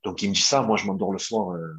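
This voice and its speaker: A young man speaks as an interview guest, telling a story in a loose, chatty way. His voice sits on the low side and sounds slightly husky. He often hesitates and restarts his sentences but keeps the story moving. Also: quick pace. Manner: animated, hesitant with many fillers and restarts. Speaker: interview guest, former footballer.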